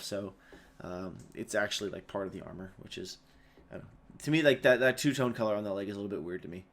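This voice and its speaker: A tired man hosting a video, giving casual, rambling commentary full of fillers and restarts. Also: fairly low pitch. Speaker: video host.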